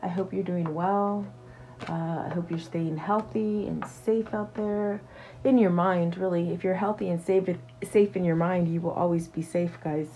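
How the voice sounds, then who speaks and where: Woman tarot reader, casual chat to camera, lowish dark warm tone, halting and reassuring with lots of fillers. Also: steady tone, a little hiss or hum. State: hiccups.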